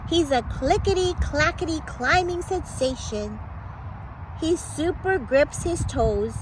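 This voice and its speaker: A woman reads a picture book aloud for kids in a high voice, taking it slowly against clearly noisy ambience. Exclamations and suspenseful pauses give her telling a dramatic, playful feel.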